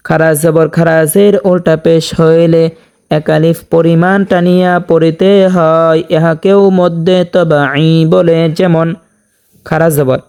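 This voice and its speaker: Guy teaching quran recitation, smooth resonant voice, talks fast then chants verses real slow. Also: a little high, a little mellow. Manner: explains rules briskly, then draws out verses in slow melodic chant.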